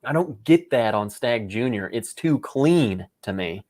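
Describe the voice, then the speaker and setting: A man's voice: mid-range voice, expressive, a little slow, a little mellow. A man hosting a casual live whiskey tasting, joking and rambling as he chats with viewers. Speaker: whiskey livestream host. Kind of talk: casual livestream tasting chat.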